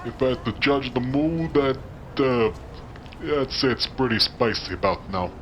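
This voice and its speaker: A male actor as a slangy mob doorman in a noir audio drama, mid-pitched and chummy. He rambles like a friendly, none-too-bright wise guy, with faint noise behind him. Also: animated, normal speed, dull audio, close to an everyday voice. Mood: evasive, rambling. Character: chummy, chatty male street-tough doorman, dim but friendly.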